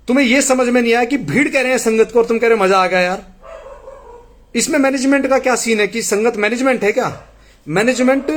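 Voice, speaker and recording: Guy on a live stream reading comments and arguing back, kinda high voice, talks right at viewers. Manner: earnest, argumentative, addresses viewers directly.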